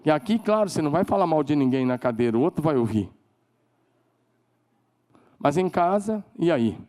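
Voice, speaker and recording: A man with a Brazilian Portuguese accent preaching a sermon as pastor, emphatic, leading call-and-response and climbing to shouted declarations. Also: fairly high pitch, expressive, moderate pace. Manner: leads the congregation in call-and-response.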